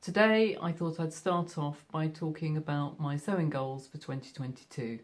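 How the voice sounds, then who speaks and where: Speaking in a Yorkshire accent, this middle-aged woman vlogs about her sewing from her home sewing room, chatting to camera in a friendly way packed with fillers. Her voice sits low, with fairly even intonation at a normal speed.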